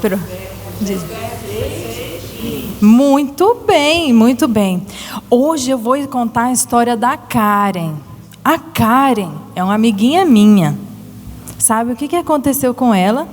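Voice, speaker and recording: A woman telling a Bible story to children in a church, animated and asking them questions. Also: a little high, takes it slowly, long pauses, in a large hall, a little hiss or hum. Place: church hall.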